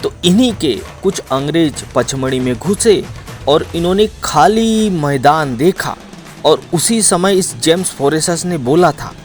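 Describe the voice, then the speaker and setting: A man's voice: a little high, expressive, a little slow. Man narrating a travel film over music. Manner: dramatic, chatty storytelling.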